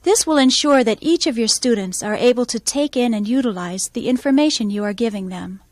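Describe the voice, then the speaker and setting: A woman music teacher explaining her methods in a calm, measured instructional voice-over. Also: fairly high pitch, no room sound.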